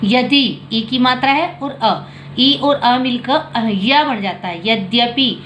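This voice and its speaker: A woman's voice: a little high, a bit bright. Echoey woman teacher drilling vowel sounds. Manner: asks questions and answers them herself; drills vowel sounds slowly and repeats them. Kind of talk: explaining Hindi grammar to students. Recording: echoey room with faint background noise.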